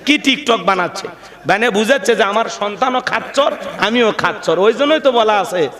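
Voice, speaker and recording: A high-voiced male preacher delivers a dramatic sermon, slipping into the voices of the people in his stories. He keeps turning to the crowd for responses. The sound rings with echo and a long trailing reverb. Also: animated, moderate pace, fairly bright tone. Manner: dramatic, acts out characters in his storytelling; addresses the crowd directly and asks for responses. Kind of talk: Bengali waz sermon storytelling. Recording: echoey venue with long reverb.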